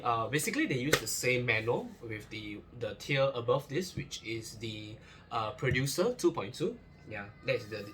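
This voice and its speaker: A man's voice: mid-range voice, background noise. A young man talks casually through an unboxing review, chatty, with many fillers, restarts and joking asides. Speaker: gear reviewer.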